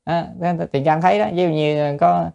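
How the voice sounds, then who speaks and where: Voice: medium pitch, steady tone, a little fast, creaky, mellow, smooth, highs cut off. A Buddhist monastic teacher, giving an earnest, conversational dharma talk and often checking that listeners follow.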